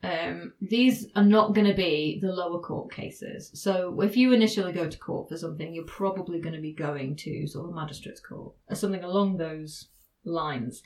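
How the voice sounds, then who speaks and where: A woman's voice: lowish voice, normal speed, a little mellow, rough recording. A woman hosting a podcast, explaining law in casual chat, laughing often and full of ums and restarts. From United Kingdom.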